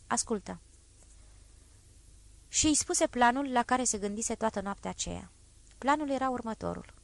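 A woman narrating a classic story in a calm, even literary reading. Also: a little high, no echo. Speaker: audiobook narrator. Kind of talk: scripted narration.

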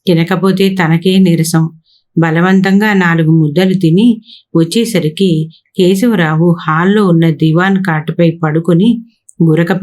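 A woman narrating a story with a slightly lower voice. Her telling is steady and even, reading each scene out in order.

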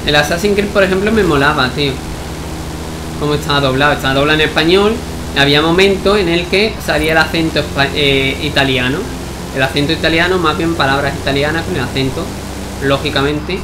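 A gaming YouTuber with a Spain Spanish accent gives casual gameplay commentary, swearing and tossing in chatty asides. His voice is fairly high and brisk, with a noisy background.

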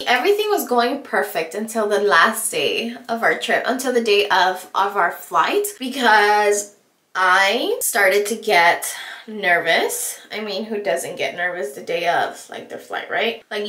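A woman's voice: mid-range voice, bright, forceful tone. A young woman from California telling a story to her viewers in a casual, chatty way while doing her makeup. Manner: chatty, filler-heavy, addresses viewers directly. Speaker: beauty vlogger. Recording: roomy echo.

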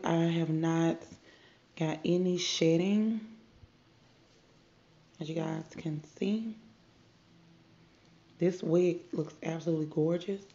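Stuffed up from a cold, this woman unboxes products for her viewers in a chatty way, addressing them as "you guys." She's a beauty vlogger with a lowish, dark voice. The audio, captured indoors, is muffled with room echo.

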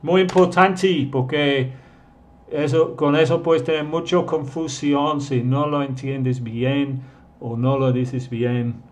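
A man's voice: medium pitch, steady tone, slow pace. A man teaching an English lesson live online, reading chat questions and stretching out number words to show their pronunciation.

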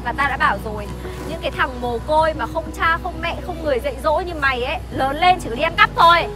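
A woman's voice: sits high, fast, close to an everyday voice. An actress playing a harsh young mother who berates an orphan boy, scolding sharply in a scripted web sitcom. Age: young adult. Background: background music.

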